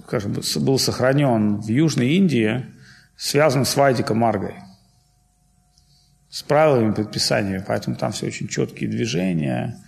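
A man's voice: mid-range voice, normal speed, creaky, a little mellow. A man giving an informal spiritual lecture, talking loosely and digressively with many fillers and self-corrections.

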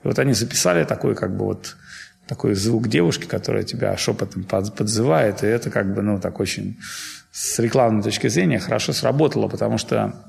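A man's voice: fairly low pitch, brisk, vocal fry, darkish tone. A man giving an informal spiritual lecture, talking loosely and digressively with many fillers and self-corrections.

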